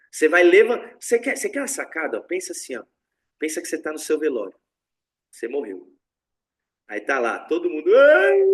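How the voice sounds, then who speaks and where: A man with a fairly high voice gives a spiritual talk on tantra. He speaks bluntly and casually, with slang and swearing, and keeps acting out the voices of the people he quotes. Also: fairly bright tone. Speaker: tantra teacher.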